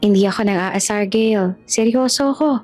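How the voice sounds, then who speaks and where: A woman's voice: medium pitch, normal speed, a little mellow, faint music behind, close to an everyday voice. Woman doing an earnest young boss. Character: young man, reformed charming boss.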